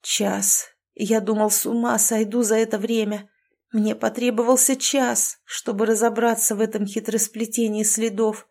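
A woman voicing a protective male werewolf alpha, her husband, in an audiobook, read in a quiet, low-key way. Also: flat delivery, moderate pace. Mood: grim. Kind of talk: audiobook dialogue.

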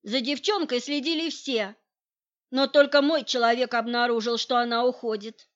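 A woman's voice: a little high, fairly even intonation, normal speed, highs cut off, lightly acted. A woman reading the lines of a stubborn man who refuses to share what he knows, indignant and defensive. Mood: defiant. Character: stubborn middle-aged man guarding his secret.

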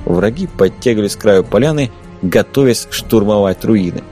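A man narrating an audiobook adventure in expressive scripted storytelling. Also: fairly low pitch, normal speed, faint music behind.

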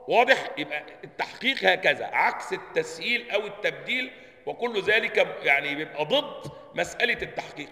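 A man's voice: high voice, gravelly, sharp tone. A man with an Egyptian Arabic accent, a sheikh teaching Quran sciences, quizzing his listeners with repeated questions and sounding out pronunciations. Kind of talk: religious lesson explaining a text. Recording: long hall reverb, roomy.

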